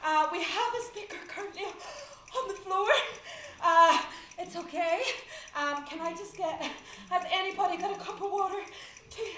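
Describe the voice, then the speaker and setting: Bright, very high woman performer, bossy and urgent, echoing theatre. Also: normal speed, slight background noise. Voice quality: urgent, commanding. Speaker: lead performer. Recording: echoey theatre.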